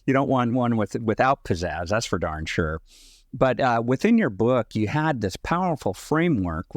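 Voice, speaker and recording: A man's voice: mid-range voice, dry recording, studio quality. A man hosting an interview show, an enthusiastic interviewer who often affirms his guest and laughs. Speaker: podcast host. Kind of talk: interview chat.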